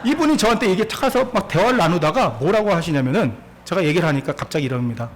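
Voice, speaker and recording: Here is a forties-aged male pastor preaching fast in a high, sing-song voice that rises and falls dramatically. Laughing through his story, he keeps turning to the congregation with questions.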